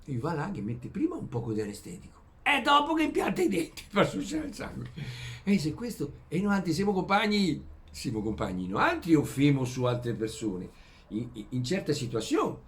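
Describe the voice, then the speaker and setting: A man with a Venetian accent from Veneto, speaking in dialect, rambling through homespun philosophy in a halting way, repeating words and putting questions to his listeners. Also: a little high, wildly swooping pitch. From Veneto, Italy. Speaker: vlogger. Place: outdoors among flowers in early morning.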